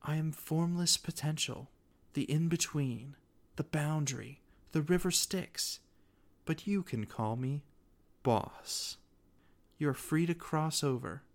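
A man voicing a calm, powerful female spirit of the underworld with an unearthly, soft, measured voice in a dramatic story. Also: medium pitch, lightly acted. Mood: serene authority.

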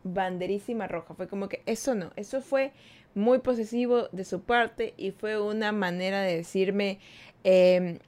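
Young woman, podcast host, casual animated storyteller, mid-pitched. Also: measured pace. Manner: animated, chatty, acts out quoted dialogue.

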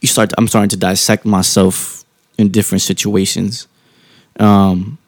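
Low, mellow and soft-spoken, a man calmly thinks out loud in a casual reflective monologue, stumbling into rephrasings and using informal slang. He often checks in with tag questions. It's a dry, studio-quality recording.

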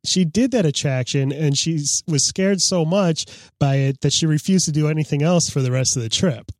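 A man's voice: on the high side, moderate pace, dry recording, studio quality. A man chatting casually in a matter-of-fact way as a podcast co-host. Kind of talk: casual chat.

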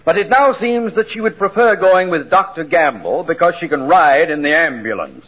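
Pompous mayor: high, very animated, formal, easily flustered; muffled 1940s radio comedy. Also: male voice, normal speed, breathy edge. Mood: wounded indignation. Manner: formal, dignified, indignant.

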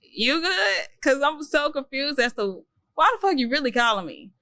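A woman's voice: high voice, animated, fairly quick, bright, forceful tone, no echo. A woman co-hosting a podcast in casual chat, telling a personal story candidly, laughing often and swearing. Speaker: podcast co-host.

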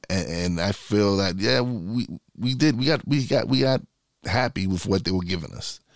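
A man's voice: on the low side, lively intonation, moderate pace, no room sound, clean studio sound. A man in his mid-forties speaking candidly in a conversational interview, often restarting and searching for words. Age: 40s.

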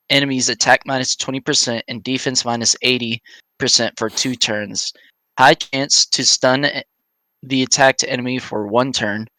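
Brief: man, casual co-host, bright and forward tone, dry close sound, reads stats off a card. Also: medium pitch, no echo. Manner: reads game stats aloud, laughs often. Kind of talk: casual podcast chat.

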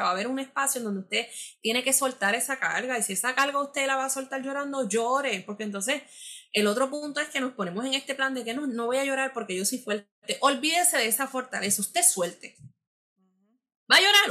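A woman's voice: high voice, sharp tone. A woman who is a podcast guest giving earnest advice, addressing the listener directly and acting out bits of inner dialogue.

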